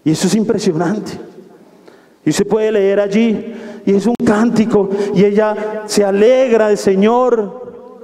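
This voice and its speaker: Fervent high-voiced preacher in echoey hall. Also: male voice, a little slow. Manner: fervent, exhorting, swings from soft to raised. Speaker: pastor. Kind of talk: sermon. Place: church hall.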